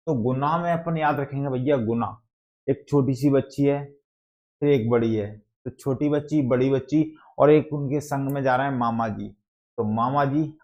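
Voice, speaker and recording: A male teacher, explaining exam facts through memory tricks and asking the class questions again and again. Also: mid-range voice. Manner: repetitive, call-and-response questioning. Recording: dull lo-fi sound.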